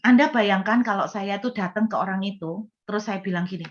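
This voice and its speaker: Woman pastor, lively storytelling sermon, mid-pitched voice, slightly dull lo-fi sound. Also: fairly quick. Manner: animated storytelling, acts out harsh and gentle rebukes. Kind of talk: sermon teaching.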